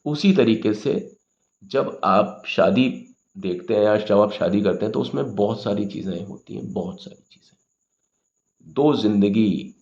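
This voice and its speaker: A man's voice: on the low side, a little slow, a little mellow, highs cut off. A man teaching English grammar in Hindi, patiently explaining words and often checking with "okay?".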